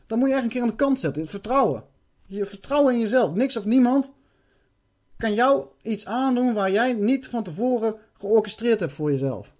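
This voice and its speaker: Brief: a high-voiced man, intense and halting, sharing a spiritual story. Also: a little mellow. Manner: intense, swearing, hesitant restarts.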